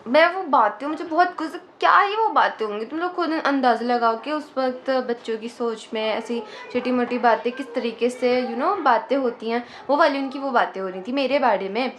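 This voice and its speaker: A young woman casually telling a personal story, animated and dropping English phrases into her speech. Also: a little high, moderate pace, few pauses, slight background noise.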